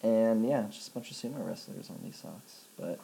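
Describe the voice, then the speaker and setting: Young man, podcast guest, gravelly low voice, laughs easily, faint noise behind. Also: moderate pace, dark tone. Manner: laughs often, says "like" a lot. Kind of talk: casual chat.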